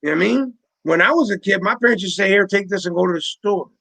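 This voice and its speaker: A man's voice: high voice, quick pace, gravelly, sharp tone, dry recording. A man in his forties hosting a casual panel chat on a video call, emphatic and full of street slang, repeating his points. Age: 40s.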